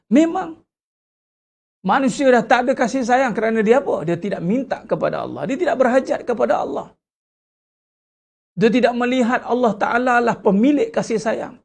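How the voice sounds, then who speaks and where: A religious teacher preaches with a Malaysian Malay accent in a gravelly, creaky voice. The delivery is animated and full of rhetorical questions, with prayers acted out along the way. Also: mid-range voice. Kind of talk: religious lecture.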